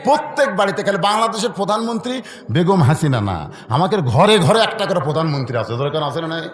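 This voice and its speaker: A male preacher with a Bogura accent from northern Bangladesh tells stories animatedly and keeps asking the crowd questions. His pitch sits a little high and swings widely. His voice booms through an echoing hall with a long reverb tail. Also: animated, very fast. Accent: northern Bangladeshi Bengali (Bogura). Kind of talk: storytelling sermon.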